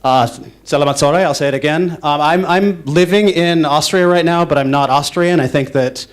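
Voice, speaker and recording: This is a young man from the US Northwest speaking casually at a conference, his stage talk rambling and filler-heavy with frequent restarts and self-interruptions. He speaks at a moderate pace in a fairly high voice with a clean tone.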